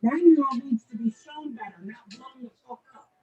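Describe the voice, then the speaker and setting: A woman's voice: sits high, moderate pace, mellow, breathy edge. Muffled woman on a distant laptop mic. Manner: blunt, heated, swears freely. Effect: muffled, as if picked up by a laptop mic from across the room. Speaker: podcast co-host. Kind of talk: casual chat. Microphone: laptop mic across the room.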